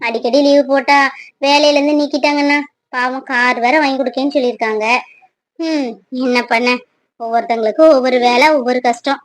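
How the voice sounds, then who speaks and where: A woman voicing a gentle young bride-to-be who muses quietly to herself in a cartoon. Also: sits high, steady tone, brisk, lightly acted. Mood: musing. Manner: soft, musing, quiet.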